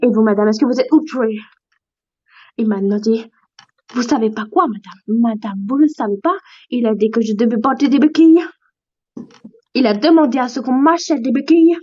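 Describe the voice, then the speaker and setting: A woman's voice: fairly high pitch, normal speed, pauses often, a little mellow, dull audio, natural voice. A woman voicing an ancient, indignant female tortoise in a toy role-play on a livestream. She huffs and demands respect. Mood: outraged, pompous. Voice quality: huffy and pompous, keeps demanding respect.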